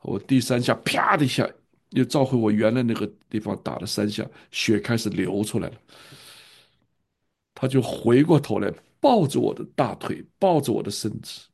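A man's voice: mid-range voice, normal speed, creaky, husky. A male pastor earnestly telling a family story and repeating phrases for emphasis in a sermon.

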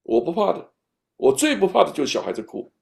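A man giving a patient, step-by-step talk on raising children, at times speaking straight to an imagined baby and dropping to a soft whisper. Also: a little high, very animated, quick pace, gravelly. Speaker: parenting speaker.

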